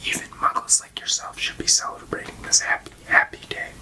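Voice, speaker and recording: Casting: tiny old storybook gentleman, acted by a reader, overjoyed, whispered role-play in a breathy library whisper. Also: brisk, natural voice. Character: tiny, joyful old man in a cloak.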